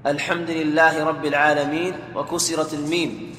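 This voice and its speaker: A man reads a classical text aloud in a steady, formal recitation. His voice is bright and slightly high, with very little rise and fall. The sound is roomy, like a hall with long reverb. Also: moderate pace. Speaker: student reading the text aloud. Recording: echoey hall with faint noise.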